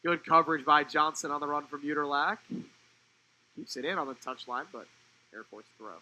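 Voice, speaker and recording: A young man giving live play-by-play commentary on a college soccer match, fluent and rising in pitch when the play turns attacking. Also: moderate pace, bright, forceful tone, poor audio.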